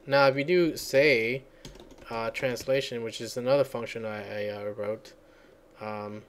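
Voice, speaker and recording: A man's voice: mid-range voice, fairly even intonation, measured pace, a little hiss or hum. A man hosting a casual screencast tutorial, rambling and thinking aloud as he searches for words. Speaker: software tutorial host. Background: computer keyboard typing.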